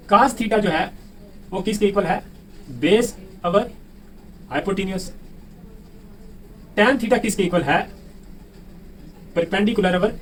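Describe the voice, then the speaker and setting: A man with a high voice walks through a math lesson, constantly firing rhetorical questions at his listeners and answering them himself. He repeats key words for emphasis. He sits a little back from the mic, with a faint hiss of background noise. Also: far from the mic, rough recording. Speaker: math teacher.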